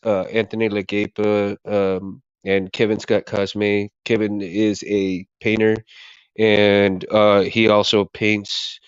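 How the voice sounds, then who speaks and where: His voice fairly low, clear and resonant, a man runs a casual livestream and keeps thanking viewers, rambling and repeating himself. He's hoarse, coughing, and losing his voice; the audio has no echo but sounds dull.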